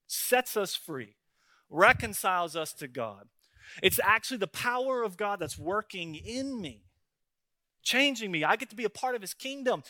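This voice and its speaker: A man's voice: high-pitched, pushed and bright, no room sound, studio quality. A male pastor, preaching a folksy, story-driven sermon that he keeps punctuating with "right?" and "man.".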